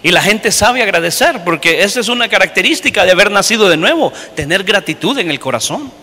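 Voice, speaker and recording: Man, pastor's sermon, high voice, lively storytelling, long church reverb. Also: fairly quick. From Honduras. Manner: animated storyteller, acting out dialogue, swings between loud and soft.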